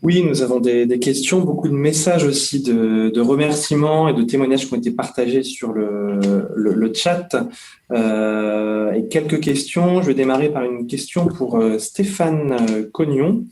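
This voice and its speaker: A man moderating a webinar, reading out audience questions with a halting delivery. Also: medium pitch, dark tone, a little hiss or hum. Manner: halting, stumbles over words.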